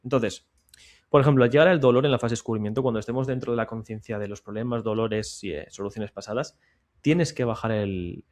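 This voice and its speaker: A man, speaking at a middling pitch, explains sales calls in a loose, chatty way. He talks in quick bursts and then turns quiet and slow to show how a question should land. It sounds like a sales coach talking straight to his viewers. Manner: talks in bursts, drops volume and slows to demonstrate soft questions. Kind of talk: casual explainer to camera.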